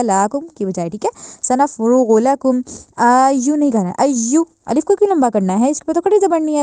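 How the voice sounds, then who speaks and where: A woman with a Pakistani Urdu accent teaching recitation, correcting pronunciation word by word and drawing out each word slowly. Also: high-pitched, warm tone, no echo. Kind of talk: tajweed lesson, word-by-word correction.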